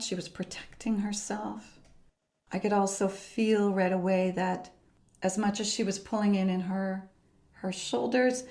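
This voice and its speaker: This is a middle-aged female voice teacher laying out her method as a podcast guest. Her pitch is medium, and she comes across as calm, measured and unhurried.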